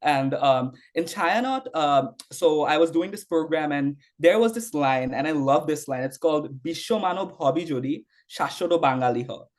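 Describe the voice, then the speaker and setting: With a voice on the high side, animated and at normal speed with few pauses, a young adult student from Bangladesh responds to interview questions. He rambles, leans constantly on "like" and other fillers, and keeps restarting his sentences.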